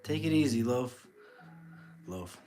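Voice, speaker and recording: A man's voice: medium pitch, animated, slow pace, mellow, soft background music. A man casually chatting with viewers on a live stream while he crafts, reading and answering the chat.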